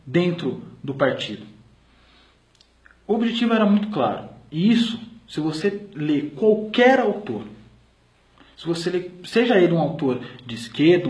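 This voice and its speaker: A man's voice: fairly high pitch, darkish tone. A man with a Brazilian accent presenting an explanatory video lecture, hesitating often with filler sounds and restarting phrases. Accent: Brazilian Portuguese. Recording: roomy echo.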